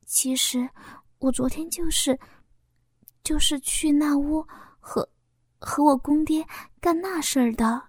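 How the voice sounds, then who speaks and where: A shy young village wife, as the woman reading the story puts her on speaks in a hushed, confiding voice. Her voice sits high and mellow. The sound is dry and close. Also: measured pace, dry recording.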